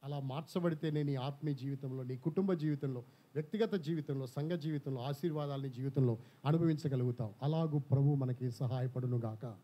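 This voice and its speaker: Animated preacher asking his flock questions. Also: medium pitch, brisk. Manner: animated, asks the congregation questions. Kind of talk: sermon. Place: church hall. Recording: slightly dull church recording.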